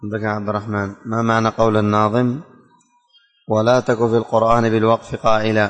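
Man teaching a class, slow and careful, dictating lines, flat voice, long echo like a big hall. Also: lowish voice. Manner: slow and deliberate, repeating lines for students to write down; quizzes students with repeated questions. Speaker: religious teacher. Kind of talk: classroom lesson dictating and explaining verses. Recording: long hall reverb, faint music.

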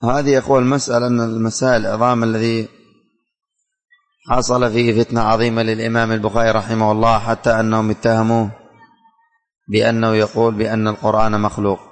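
Man teaching slowly in an echoing hall. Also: on the low side, completely flat delivery. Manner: slow and deliberate, repeating lines for students to write down; quizzes students with repeated questions. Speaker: religious teacher. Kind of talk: classroom lesson dictating and explaining verses. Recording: long hall reverb, faint music.

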